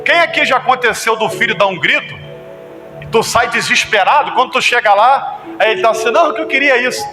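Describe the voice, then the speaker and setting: A man's voice: very high voice, a little fast. A Brazilian man preaching a sermon as pastor, constantly putting questions to his congregation. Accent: Brazilian Portuguese. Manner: animated, asks congregation frequent rhetorical questions. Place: church hall. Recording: echoey church hall with music.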